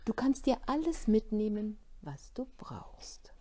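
A woman voicing a caring mother in a storybook reading, reassuring and gently firm. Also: fairly high pitch, sing-song, slow, voice pushed up, full character voice. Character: patient, caring mother soothing her son.

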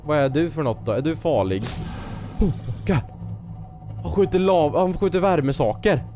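Jumpy, excitable man gaming. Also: fairly high pitch, music in the background. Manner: excitable and jumpy, sudden nervous outbursts and exclamations; talks to the game creatures, jokes and mutters to himself. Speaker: gaming video host. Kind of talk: let's play commentary.

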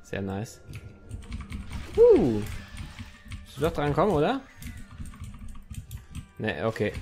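A man's voice: on the low side, darkish tone. A young man commenting on his own gameplay in a chatty let's-play style, talking to the game and his viewers and swearing now and then. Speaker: gaming YouTuber.

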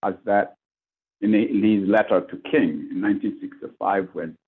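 A man's voice: on the low side, steady tone, moderate pace, breathy edge, narrow, tinny audio. A man from Uganda, a priest speaking on a conference panel over a video call, earnest and list-like with fillers. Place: plain indoor room, video call. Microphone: video call webcam.

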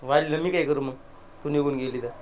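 A man playing a weary husband torn between his wife and his mother, pleading and trying to calm things down. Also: a little high, fast, close to an everyday voice, rough recording. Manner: pleading, tries to calm and placate.

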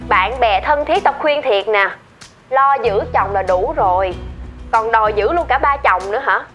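A woman's voice: on the high side, expressive, a little slow, fairly bright tone, lo-fi sound, soft background music. An actress playing a brazen young mistress who taunts her friend. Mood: taunting. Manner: mocking, taunting.

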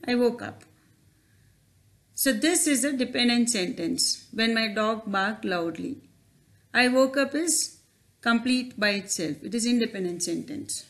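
A woman's voice: on the high side, fairly bright tone. A woman teacher, explaining grammar over slides in a careful, questioning way. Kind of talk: slide-based grammar lesson.

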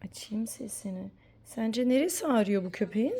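A woman's voice: a little high, expressive, normal speed, dark tone. A mother talking playfully with her sick young son, coaxing and sing-song. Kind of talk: casual play with a child.

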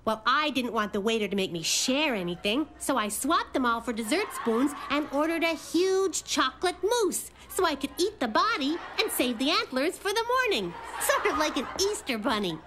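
A woman voicing a quick-witted, spunky little girl in a cartoon, with a chatty, wry comic delivery. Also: sits high, very animated, noisy background. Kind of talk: cartoon acting and stand-up comedy bits.

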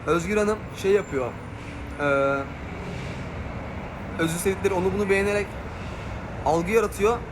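A man's voice: high voice, moderate pace, pauses often, noisy background. A young man streaming live, ranting angrily in a heated, emphatic way. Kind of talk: angry live stream rant.

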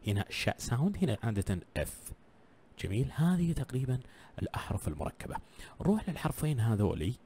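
A man's voice: medium pitch, sing-song, quick pace, warm tone, husky. A man teaching English pronunciation in an online lesson. He repeats each sound many times and keeps checking in with his learners.

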